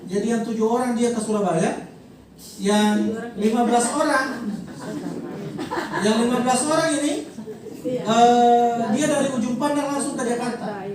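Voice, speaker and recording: A travel agency director with a North Maluku accent, briefing a group of pilgrims at a send-off event, explaining with many pauses, fillers and repeated details. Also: mid-range voice. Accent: North Maluku (Ternate Malay). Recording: very echoey hall, distant mic, crowd behind.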